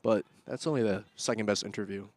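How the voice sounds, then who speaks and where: A young man doing play-by-play commentary on a school soccer match, jumping up loudly when attacks build. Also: on the low side, fast talker, dry recording. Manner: excitable, rising loudly on attacks. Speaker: student sports commentator.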